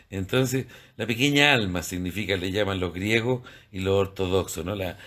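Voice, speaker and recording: A man's voice: on the low side, fairly bright tone. A man, a priest hosting a church program, explaining terms and greeting viewers. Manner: explanatory, spells out terms, asks rhetorical questions.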